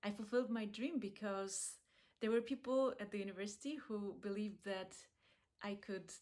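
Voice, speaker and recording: In a pre-recorded video, a Polish woman leading accessibility efforts speaks calmly and deliberately with a mid-range voice, inserting frequent small pauses.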